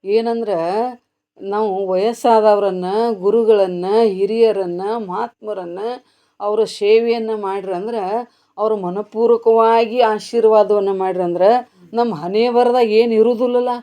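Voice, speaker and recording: A woman preaches at a devotional gathering, telling a story and answering her own questions. Her delivery swings between hushed passages and loud, emphatic ones. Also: mid-range voice, steady tone, measured pace. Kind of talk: devotional sermon. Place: ashram gathering.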